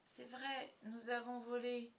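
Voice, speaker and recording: A woman's voice: a little high, completely flat delivery, takes it slowly, slight background noise, voice pushed up. A woman playing an indignant older boy. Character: haughty older boy, easily scandalized.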